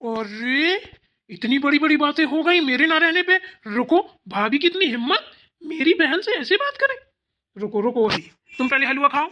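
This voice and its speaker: Someone doing a protective, scolding elder brother. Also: male voice, very high voice, big pitch swings, normal speed, highs cut off. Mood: affectionate. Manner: scolding, affectionate to sister. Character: doting elder brother, protective, quick-tempered husband. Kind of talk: cartoon voice acting.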